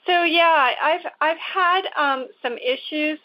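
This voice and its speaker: A woman caller from northern New Jersey talks in a hesitant, halting way. Her phone line is glitching and keeps cutting out. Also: sits high, bright, forceful tone, dry recording. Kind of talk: call-in show caller.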